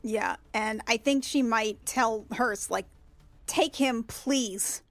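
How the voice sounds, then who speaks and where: A woman with a fairly high, slightly bright voice speaks slowly, recorded without echo. Playing a tabletop roleplaying game, she chats informally and playfully, describing what her character does.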